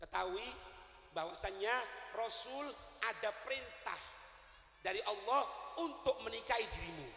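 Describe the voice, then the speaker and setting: A male preacher voicing a humble, devout elderly father in a solemn, lowered tone, in an echoey hall. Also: animated, moderate pace, pushed and bright, heavily acted. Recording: echoey hall with long reverb.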